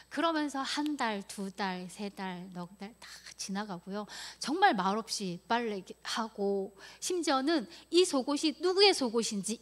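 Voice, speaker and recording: A woman in her thirties preaching in an afternoon worship service. She tells a personal story in a lively, expressive way. Her voice sits at an ordinary middle pitch, and at emotional points it drops to a hushed whisper. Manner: storytelling, acts out quoted prayers and scoldings.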